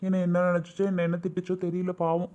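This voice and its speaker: An actor playing an exasperated husband in a family drama skit, complaining quickly about a family quarrel. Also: medium pitch, completely flat delivery, mellow, natural voice. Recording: dull lo-fi recording.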